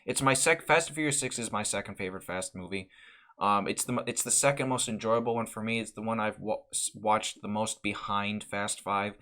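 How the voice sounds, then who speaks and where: A man on his own channel ranks films in a casual vlog, sharing frank opinions. He talks in a rambling way, often restarting sentences and repeating words. His voice sits fairly low, with a bright, pressed edge. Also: a little fast. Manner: candid opinionated reviewer. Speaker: channel host. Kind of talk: casual movie ranking vlog.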